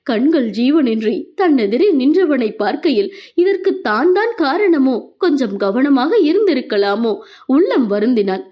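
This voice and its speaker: A woman narrating a romance audio novel with expressive, emotional storytelling. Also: high voice, a little slow.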